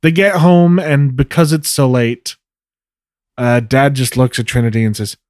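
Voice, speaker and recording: A man narrating a solo tabletop game as game master, thinking aloud in a relaxed way. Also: medium pitch, measured pace, dry recording, studio quality.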